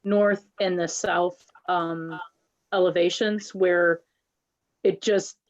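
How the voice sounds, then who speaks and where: A woman answers questions at a public planning meeting, pausing often and restarting her sentences. Her voice sits on the low side. The audio is muffled and lo-fi, as over a video call. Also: fairly even intonation. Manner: halting, many ums and restarts. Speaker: applicant presenting a site plan.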